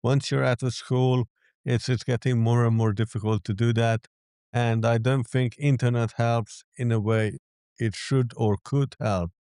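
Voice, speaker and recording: Guy being interviewed, smooth clear voice, dry sound, calm explaining. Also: medium pitch, a little slow, dry recording. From Hungary. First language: Hungarian. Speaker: app developer, guest. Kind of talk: interview answers.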